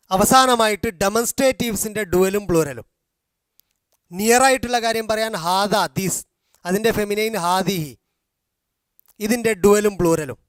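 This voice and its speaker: A man teaching a language class, slowly repeating and drilling grammar forms, with a Malayali accent. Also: high-pitched, no room sound, clean studio sound. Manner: slow, drilling repetition of forms. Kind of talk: explaining grammar in a video class.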